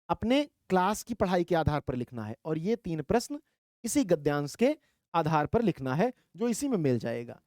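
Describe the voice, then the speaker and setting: A man teaching a Hindi exam prep lesson, explaining step by step and reading verse slowly. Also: high voice, a little mellow, no room sound, studio quality.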